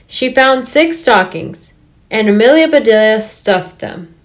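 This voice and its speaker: A woman reads a children's storybook aloud in an expressive, scripted style. Her voice is on the high side and a little slow.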